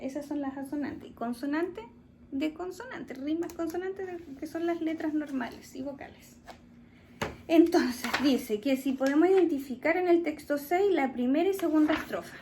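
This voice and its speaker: A woman's voice: high-pitched, mellow, a little hiss or hum. A woman teacher with a Chilean accent, giving a recorded class to children and explaining patiently step by step while asking her pupils questions. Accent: Chilean Spanish.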